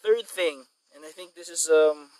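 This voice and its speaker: A man's voice: normal speed, darkish tone, dry recording, low-quality recording. A man vlogging outdoors at a sunny resort in the morning, chatting in a loose, rambling way, with insects chirping behind him. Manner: rambling, chatty, coaxes a dog in a high voice. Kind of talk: casual outdoor vlog. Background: insects and crickets.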